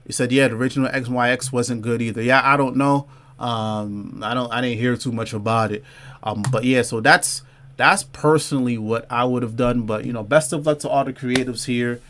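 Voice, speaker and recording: A man hosts a casual comics livestream, speaking loosely to his chat, reading viewer comments aloud, and repeating phrases to hammer a point home. He says "y'all" and "man" and asks viewers to comment below; his medium-pitched voice is steady, fairly bright and moderately paced, with a little hiss or hum.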